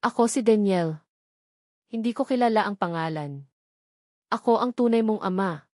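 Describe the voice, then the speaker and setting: A woman's voice: medium pitch, moderate pace, a little mellow, no echo, studio quality, close to an everyday voice. Woman reading as a solemn absent father. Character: grave man, a long-absent father.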